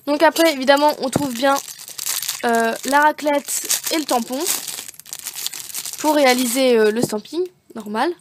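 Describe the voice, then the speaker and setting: A high-pitched woman talks through her supply haul in a relaxed vlog. She rambles, corrects herself and fills pauses with "euh". Faint background noise sits under the voice. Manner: chatty, rambling, self-correcting with many fillers. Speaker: beauty vlogger showing craft supplies. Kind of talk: casual unboxing chat.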